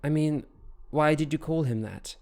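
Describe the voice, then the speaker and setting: A man's voice: fairly high pitch, normal speed, gravelly, a little mellow, pitched above the performer's own voice. A man putting on a wry young barmaid. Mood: lightly teasing. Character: young woman tavern barmaid, quick-witted and wry.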